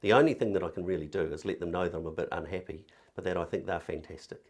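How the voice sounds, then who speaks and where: A man's voice: sits low, fairly even intonation, fast, darkish tone. A man with a New Zealand accent, a religious education director giving an earnest, thoughtful talk to camera, with occasional fillers and repeated words.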